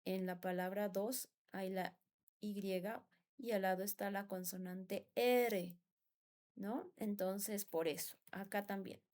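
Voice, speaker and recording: A woman speaks slowly in a mid-range, a little mellow voice with fairly even intonation as she patiently explains English grammar to a class. Spanish is her first language, and she repeats words and asks "¿no?" for agreement.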